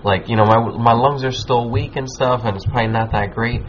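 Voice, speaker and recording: A man's voice: mid-range voice, fairly even intonation, a little fast. Rambling stoner guy, muffled noisy recording. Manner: laid-back stoner talk, rambling and slangy with swearing. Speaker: podcast host. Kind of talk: casual chat, giving advice. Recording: muffled lo-fi with background noise.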